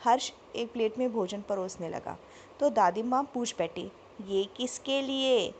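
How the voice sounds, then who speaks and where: A woman narrating a family story in an expressive, emotive reading. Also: on the high side, moderate pace, a little hiss or hum.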